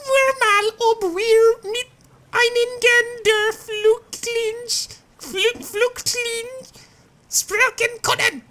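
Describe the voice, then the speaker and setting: A man voicing a pushy female news reporter in a video game, using a very high falsetto and halting, slowed German. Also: steady tone, sharp tone, heavily acted.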